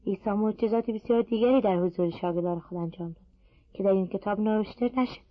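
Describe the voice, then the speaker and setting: Woman reader, scripture reading, even and unhurried, dry muffled recording. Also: medium pitch, no echo. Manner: steady, measured reading pace.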